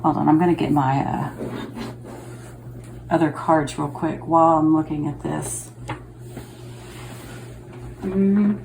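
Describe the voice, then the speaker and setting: Low gravelly-voiced woman reading tarot. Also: fairly even intonation, slow, pauses often, background noise. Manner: chatty, thinks aloud, checks in with "okay?". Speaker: tarot reader. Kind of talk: casual tarot reading to viewers.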